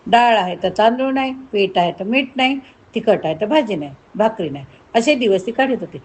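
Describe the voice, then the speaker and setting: A woman tells a devotional saint's story in a rhythmic, emphatic storytelling voice. She builds rhyming lists, and her voice sits a little high. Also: expressive, fairly quick.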